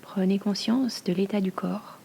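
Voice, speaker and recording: A woman teaching yoga nidra leads a meditation slowly, in a soothing hush, with a soft, breathy voice and long pauses. Her medium-pitched tone is steady, and a little hiss or hum can be heard.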